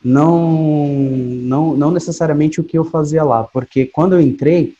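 A man's voice: a little high, moderate pace, mellow. A man in his late twenties with a Brazilian Portuguese accent, chatting casually as an interview guest, peppering his talk with slang and tag questions. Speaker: podcast guest, DevOps specialist. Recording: dull lo-fi sound, faint noise.

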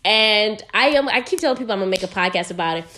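Young American woman, solo podcast host; frank, profane, high-energy chat, mid-range voice. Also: expressive, quick pace, sharp tone, a little hiss or hum. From United States. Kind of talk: casual solo podcast monologue.

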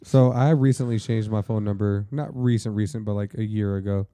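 A man's voice: lowish voice, fairly even intonation, mellow, dry recording. A man co-hosting a casual podcast, blunt and profane in his remarks. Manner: blunt, profane, quick reactions. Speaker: podcast co-host. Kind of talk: casual chat.

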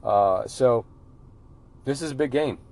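A man with a mid-pitched voice hosts a sports podcast. He is chatty and informal, circling back on his own phrases, over a clearly audible music bed. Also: slow, mellow. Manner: chatty, repeats himself, informal. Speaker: podcast host. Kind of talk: casual sports podcast talk.

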